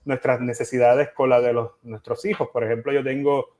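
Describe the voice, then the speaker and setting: A middle-aged man, a child psychiatrist, answering in a casual interview in a measured way. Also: mid-range voice, flat delivery, darkish tone.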